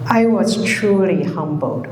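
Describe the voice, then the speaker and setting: A woman who grew up in Hong Kong, giving a public talk, speaking slowly with many pauses and fillers. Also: on the low side, sing-song, a little mellow, a little hiss or hum. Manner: slow, halting, many fillers. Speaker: guest speaker. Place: lecture hall. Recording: echoey hall recording.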